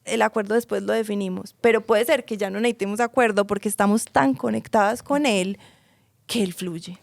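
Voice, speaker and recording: A woman's voice: mid-range voice, fairly quick, vocal fry, dry recording. A woman, a psychologist guest explaining ideas in a podcast and checking that she is understood. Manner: checks understanding with tag questions.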